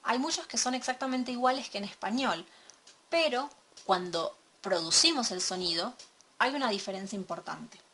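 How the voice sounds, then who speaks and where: A woman teaching a recorded lesson from slides, explaining step by step and checking in with a quick question. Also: a little high, animated, sharp tone, slight background noise. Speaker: English teacher.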